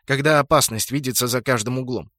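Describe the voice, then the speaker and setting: A man's voice: medium pitch, a little fast, bright, forceful tone, dry recording, studio quality, close to an everyday voice. A man voicing a mocking male adventurer in a game story, with a smirking, teasing manner.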